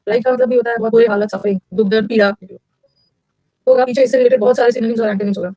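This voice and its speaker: A middle-aged woman teacher rattles through a vocabulary lesson at a rapid clip. She repeats key words and fires questions at her students. Her voice sits a little high and sounds close and dry. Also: fairly even intonation, mellow, dry recording, muffled recording. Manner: quick, drilling repetition and quizzing. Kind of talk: vocabulary lecture.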